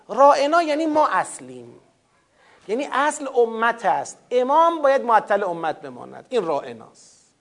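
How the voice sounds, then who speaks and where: A man with a strikingly high voice lectures on scripture. He recites verses in Arabic, then unpacks them with questions he answers himself. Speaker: Quran commentary teacher.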